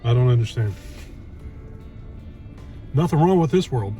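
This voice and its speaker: A man's voice: mid-range voice, animated, a little slow, mellow, faint music behind. A man in his early fifties chatting casually while eating, chewing as he talks, in a blunt, exasperated, ranting way. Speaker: host of food review vlog. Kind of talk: casual chat.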